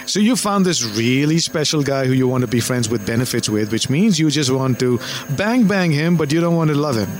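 A man gives casual relationship advice as a host. He talks quickly in a blunt, teasing way. A clear hum and noise sit behind his voice. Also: mid-range voice, expressive. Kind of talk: casual, frank advice chat.

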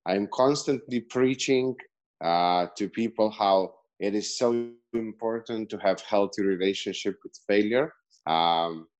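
Slovenian guy, chatty podcast guest, lots of ums and restarts, lowish voice. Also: a little mellow, low-quality recording. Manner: rambling, chatty, many fillers and restarts. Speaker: podcast guest, business coach. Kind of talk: casual interview answer.

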